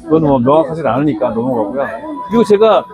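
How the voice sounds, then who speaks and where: A man's voice: fairly high pitch, wildly swooping pitch, fast, gravelly. A man conducting a casual on-site interview, conversational and following up with questions. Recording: busy crowd noise behind.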